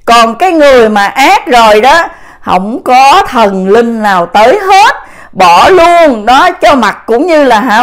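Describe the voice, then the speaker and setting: A woman talks to her viewers in a loose, rambling way, with a fairly high voice. She strings her thoughts together with many fillers and keeps turning to address her audience directly. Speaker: spiritual vlogger. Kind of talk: casual spiritual talk to viewers.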